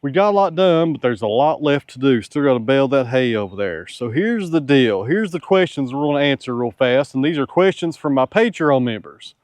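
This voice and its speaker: A man's voice: medium pitch, animated, fairly quick, few pauses, a little mellow, no echo. A tired man answers viewer questions in an easygoing, folksy, frank way, outdoors on a farm. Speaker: sawmill owner and channel host. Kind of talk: casual Q&A with viewers.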